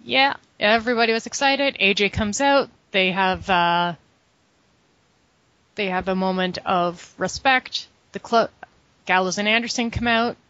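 A woman's voice: mid-range voice, measured pace, a bit bright, no room sound, dull audio. A woman co-hosting a casual chat, recapping events with dry, sarcastic asides. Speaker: podcast co-host recapping wrestling.

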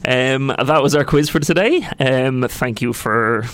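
A man's voice: mid-range voice, unhurried, fairly bright tone, smooth. A man co-hosting a radio show in a casual chatty style. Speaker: radio co-host.

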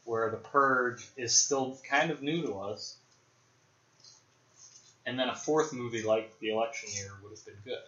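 Young male podcast host, bright and forceful, casual rambling film talk, roomy dull lo-fi audio. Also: medium pitch, unhurried, pauses often. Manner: rambling, speculative, frequent fillers and restarts.

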